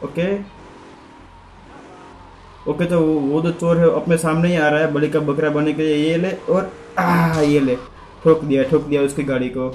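Chatty male gaming streamer, slightly high voice, echoey room with faint noise. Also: moderate pace, long pauses. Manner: excitable, chatty, addresses viewers as guys. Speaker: gaming YouTuber. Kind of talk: casual gameplay commentary.

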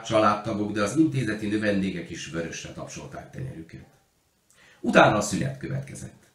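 Low-voiced man reading a children's story. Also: fairly bright tone. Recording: roomy echo.

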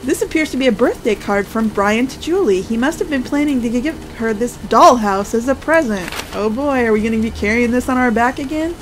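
A woman's voice: fairly high pitch, lively intonation, a little fast, hardly any pauses, poor audio. A woman co-hosting a game playthrough, reading text casually with playful, dry asides. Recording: clear noise and game sound behind.

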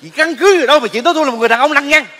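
A man's voice: very high-pitched, some chatter behind. Sex: man. Figure: a hot-headed bickering husband. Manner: shouting accusations in rapid bickering. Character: hot-headed middle-aged husband, quarrelsome. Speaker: husband in a comedy sketch. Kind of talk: stage comedy acting. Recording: stage hall reverb, faint audience.

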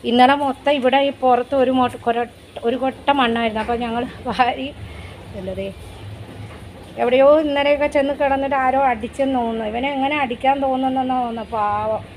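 A woman's voice: sits high, fairly even intonation, a little fast, darkish tone, slight background noise, poor audio. Chatty woman vlogging her pets. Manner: chatty, tender, often coos to the dogs. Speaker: pet vlogger. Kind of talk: casual vlog narration.

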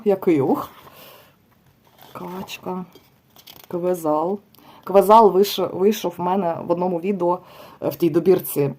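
A woman's voice: mid-range voice, darkish tone, slight background noise. A young adult woman casually reviewing a book, listing bird names one by one with chatty asides. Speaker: tarot and oracle vlogger. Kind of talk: casual book review, leafing through pages.

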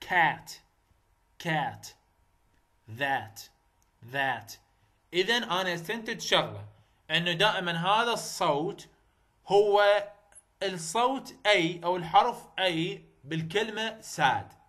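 A man with an Iraqi Arabic accent teaching English vowel sounds, repeating example words slowly and coaching the viewer directly. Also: high voice, bright, forceful tone. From Iraq. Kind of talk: phonetics lesson.

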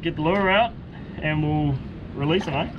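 Casual male angler, broad New Zealand accent, voice a bit high, noisy waterside recording. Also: normal speed, dull audio. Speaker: angler presenting a fishing video. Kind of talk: casual outdoor chat. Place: outdoors on coastal rocks by tide pools.

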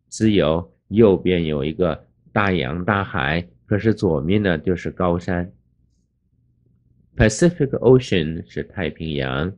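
Deep-voiced older man teaching. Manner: explains slowly, spells out English place names. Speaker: English teacher. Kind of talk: classroom lecture over a map. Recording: dull lo-fi recording.

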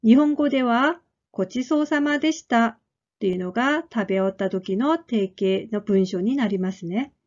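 A woman teaches a language lesson in a fairly high voice. She speaks clearly and deliberately, repeating each model phrase several times. The recording sounds somewhat muffled. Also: animated, darkish tone. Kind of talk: slow, careful lesson explanation.

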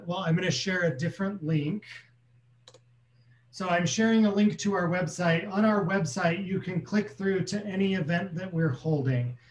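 A man's voice: fairly high pitch, darkish tone, highs cut off. A man in his thirties chairs a community council meeting over a video call from a small room at home, explaining things plainly with many ums. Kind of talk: casual meeting talk. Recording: echoey room.

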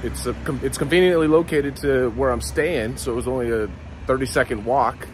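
This man, around his forties, is a laid-back travel vlogger giving casual, informal narration. He speaks a little fast in a medium pitch, and there's background noise. The footage is shot outdoors on town streets and a beach, with his phone held at arm's length.

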